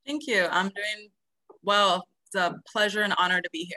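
A woman in her thirties, raised in South America, answering interview questions softly with many hesitant ums. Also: medium pitch, fairly even intonation, normal speed, dry recording. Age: 30s. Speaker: podcast guest, nurse.

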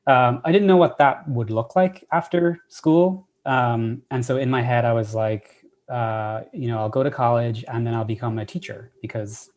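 An Irish man in his thirties, a professor telling his story in a relaxed interview, enthusiastic and full of ums and restarts. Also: medium pitch, moderate pace. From Ireland. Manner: enthusiastic, many fillers and restarts. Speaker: assistant professor, guest.

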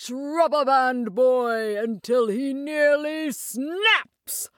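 A woman voicing a grand, showy male circus ringmaster in a storybook reading, announcing with slow flourish. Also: no echo, clean studio sound. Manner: booming showman announcements. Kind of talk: storybook character voice.

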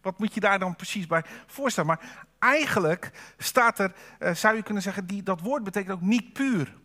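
A man's voice: sits high, lively intonation, moderate pace, bright, forceful tone. A man preaching a sermon at a church service, in a conversational way, asking the congregation rhetorical questions.

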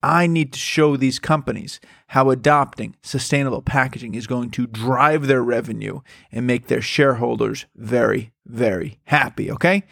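A man's voice: mid-range voice, gravelly, no room sound, studio quality. A man hosting a show, commenting casually and emphatically while reading a study aloud. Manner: animated, emphatic, repeats words for stress. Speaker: podcast host.

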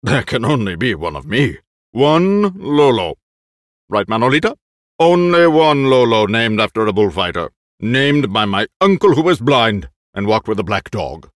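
A man's voice: medium pitch, sing-song, unhurried, a bit bright, no echo, clean studio sound, voice pushed up. A man performing a nervous, vain, aging Spanish stage actor who talks in theatrical, frantic outbursts. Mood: rambling.

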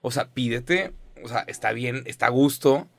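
Slangy man, animated chat. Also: medium pitch, normal speed, gravelly, no room sound. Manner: animated, heavy slang and swearing. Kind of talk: casual chat.

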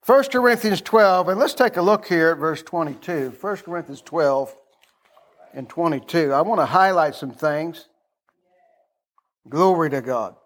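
A man's voice: on the high side, animated, measured pace. A middle-aged American man preaching an informal sermon as a pastor, in a folksy, conversational manner, repeating phrases and prompting his listeners to respond.

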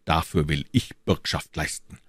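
A man's voice: very deep voice, steady tone, moderate pace, no room sound. A man voicing a proud, defiant musketeer captain who speaks in a firm, unyielding way.

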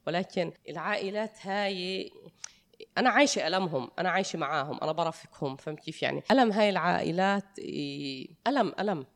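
Fast, impassioned Palestinian woman advocate. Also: fairly low pitch. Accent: Palestinian Arabic. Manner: earnest, emphatic, impassioned. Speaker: interview guest, advocate for affected families. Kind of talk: spontaneous interview talk.

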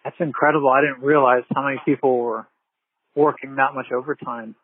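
A man's voice: mid-range voice, steady tone, brisk, breathy edge, no room sound. A man asking conversational interview questions as host, heard over a bad phone line.

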